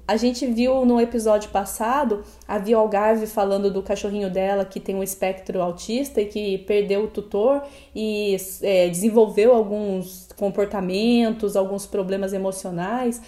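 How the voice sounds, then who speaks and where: This is a Brazilian co-host of a conversational pet podcast who also advocates for animal protection. She speaks at a medium pitch with a warm tone, earnest and reflective, picking her words as she talks, in a roomy recording with echo.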